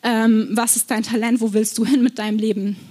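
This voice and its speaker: Young woman, preacher, sermon, earnest, personal storytelling, fairly high voice. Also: flat delivery, fairly quick, warm tone.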